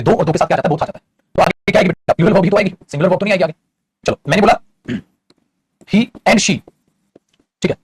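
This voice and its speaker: A man teaching English grammar in a lecture. He explains fast, calls his students "beta" and keeps asking if they follow. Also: sits high, slightly rough, no echo. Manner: rapid and explanatory, addresses students as "beta", often asks "theek hai?". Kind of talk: classroom lecture in Hindi mixed with English.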